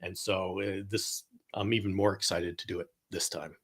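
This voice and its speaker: A man's voice: low-pitched, level tone, moderate pace, a bit bright, husky. A man hosting a live stream, chatting casually with viewers, rambling with fillers, laughing and apologizing often. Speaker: host of a live chameleon show.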